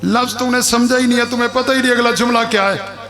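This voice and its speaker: A man with a Punjabi accent reciting a majlis to a village mourning gathering, moving from soft narration to shouted, sung lament. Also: very high-pitched, steady tone, quick pace. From Pakistan. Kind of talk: impassioned religious majlis oration.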